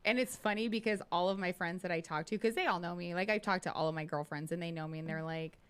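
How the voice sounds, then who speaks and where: A woman in her forties co-hosts a podcast, chatting casually and candidly and swearing freely. Her lowish voice is a bit bright and clean, and she talks fast.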